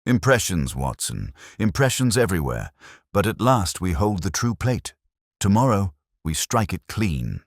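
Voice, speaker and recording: In a clean studio recording with no room sound, a man with a low, very animated voice performs a full character voice for a dramatic audiobook. He plays a shrewd, commanding Victorian detective, speaking formally and incisively at an unhurried pace, his mood measured and resolute.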